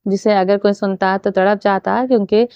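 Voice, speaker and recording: A woman reading a dramatic romance novel aloud as narrator, with steady storytelling. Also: mid-range voice, smooth, dry recording, muffled recording. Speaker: audiobook narrator.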